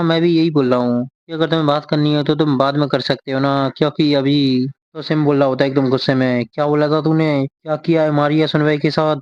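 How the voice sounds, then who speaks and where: A man retelling a manga story, quoting the characters' lines in his own steady voice without acting them out. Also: fairly high pitch, smooth, no echo, highs cut off. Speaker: manga explainer.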